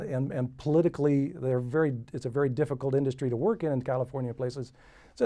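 A man's voice: on the high side, dark tone. A middle-aged man from the American Midwest speaking on a panel, folksy and joking, often repeating his words. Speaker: panelist, agricultural economist. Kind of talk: panel discussion. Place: lecture room with audience.

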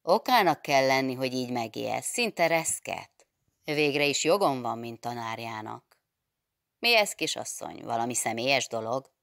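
Egy nő felolvasásában fanyar humorú fiatal pap-tanár. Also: female voice, very deep voice, expressive, gravelly, a bit bright, dry recording, exaggerated voice. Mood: probing. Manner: dry ascetic humor, half-stern, probing. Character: stern, wry young male priest teacher.

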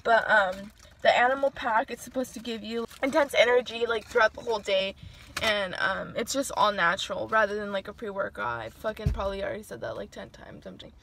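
A woman's voice: medium pitch, a little fast, fairly bright tone, slight background noise. A young woman chatting casually into her phone camera while getting ready for the gym, talking freely and swearing often. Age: young adult. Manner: chatty and profane, with many fillers. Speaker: vlogger. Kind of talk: casual vlog chat. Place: home, then car.

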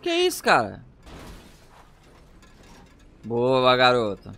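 A young man with a Brazilian accent giving excited, slangy reaction commentary on game clips, exclaiming and repeating short phrases. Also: mid-range voice, extremely slow, gravelly, soft background music. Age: young adult. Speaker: gaming reaction video host.

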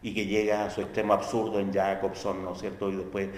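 A man with a Chilean accent gives a conversational university philosophy lecture, talking fast with a flat delivery. He checks understanding with tag questions and acts out quoted voices with sharp pitch jumps, in an echoey lecture hall with faint background noise.

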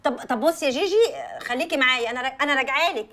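A woman's voice: high voice, very fast, fairly bright tone. An actress playing a young woman's loyal, level-headed best friend, speaking with an Egyptian Arabic accent in a teasing, soothing, placating way. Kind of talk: film drama acting. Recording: faint film score behind.

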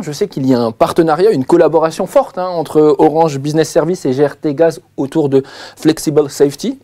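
A man moderating an online webinar, asking questions in a lively, joking way with fillers. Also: on the high side.

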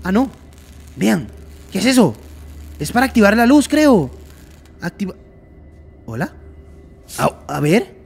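Excitable high-voiced man gaming. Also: slow, creaky, pauses often, husky. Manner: chatty and excitable, talks to viewers as friends, yelps at scares. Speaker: gaming YouTuber. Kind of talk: excited let's-play commentary.

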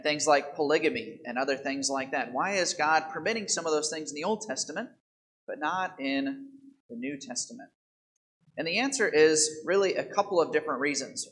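A man's voice: fairly high pitch, fairly bright tone, rough recording. A man in his thirties, a priest giving a daily Mass homily at a church pulpit microphone, explaining scripture and often asking the congregation rhetorical questions.

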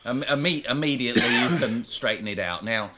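A man's voice: mid-range voice, normal speed, pushed and bright, a little hiss or hum. Man chatting through a magic demo. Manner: chatty, explains step by step while handling props. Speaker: co-host of a magic product review show. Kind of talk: casual review chat while demonstrating a trick.

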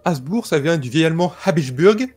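A man presenting a book and its history informally, in a calm, explanatory way. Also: fairly high pitch, normal speed, husky, soft background music. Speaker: guest presenter.

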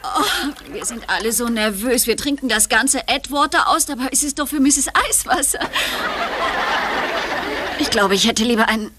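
A woman's voice: fairly high pitch, normal speed, pushed and bright, a little hiss or hum. A woman dubbing a nervous, well-meaning stepmother who talks in a flustered, giggly way.

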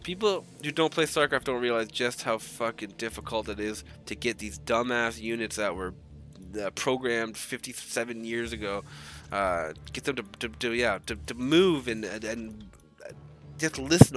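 A man calls a strategy game match in loose, rambling play-by-play, cursing now and then as he restarts his sentences. His voice carries a bright, forceful edge, even though it still sounds groggy from just waking up. Faint music plays underneath. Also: mid-range voice, moderate pace. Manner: rambling, casual play-by-play with frequent restarts and swearing. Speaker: esports caster. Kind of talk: live game commentary.

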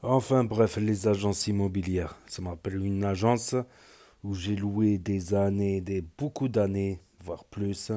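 A man hosting a reaction channel, talking in a relaxed, rambling way full of fillers. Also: lowish voice, unhurried. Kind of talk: casual reaction commentary.

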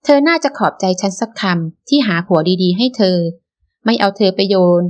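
A woman's voice: medium pitch, lively intonation, normal speed, lightly acted. A woman voicing a scheming, spiteful young woman villain who talks in a sweetly mocking, sneering way. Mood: taunting.

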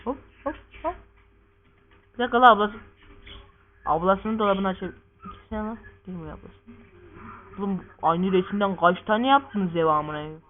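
A man's voice: high voice, moderate pace, pauses often, a little hiss or hum. A man giving casual gameplay commentary, full of crude swearing and joking banter. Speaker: gamer. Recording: tinny lo-fi recording.

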